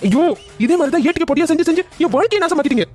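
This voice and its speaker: A man's voice: very high voice, animated, very fast, a little mellow, faint music behind, pitched above the performer's own voice. A man voicing an exasperated young cartoon hero. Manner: firm, exasperated. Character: angry, protective young man.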